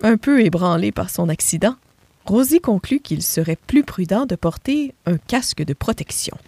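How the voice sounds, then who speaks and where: A woman reading a children's picture book aloud with expressive, animated narration. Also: medium pitch, moderate pace, creaky, dry recording. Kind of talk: storybook reading.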